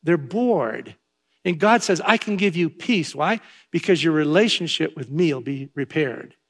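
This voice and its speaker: Older man, pastor, Christmas sermon, high voice, conversational storytelling, repeats phrases. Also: lively intonation, a little slow, breathy edge.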